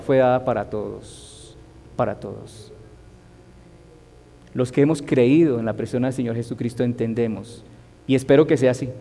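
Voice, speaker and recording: A man's voice: medium pitch, creaky, warm tone, big-room sound. A man teaching a Bible study as a sermon, asking his listeners rhetorical questions. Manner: asks the audience rhetorical questions.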